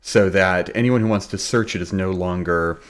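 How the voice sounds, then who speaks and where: A man's voice: low-pitched, normal speed. A man talking casually as a player at a tabletop role-playing game.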